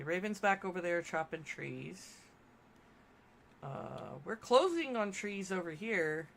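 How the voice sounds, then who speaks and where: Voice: medium pitch, gravelly, a bit bright, a little hiss or hum. A game streamer giving casual gameplay commentary, chatty and thinking aloud while building.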